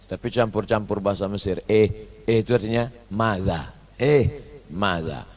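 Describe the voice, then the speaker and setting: A man giving a humorous sermon, swinging between loud high bursts and soft low asides as he mimics foreign phrases. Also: normal speed. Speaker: preacher.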